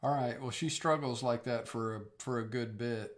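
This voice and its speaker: A man working as game master, narrating a tabletop game off the cuff and halting as he gropes for words. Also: medium pitch, steady tone.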